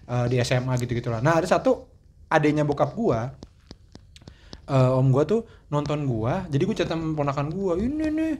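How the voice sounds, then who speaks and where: A man's voice: fairly high pitch, brisk, long pauses, slight background noise. A man co-hosting a comedy podcast, telling family anecdotes in casual chat and acting out what relatives said. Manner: animated, acts out relatives' lines when retelling.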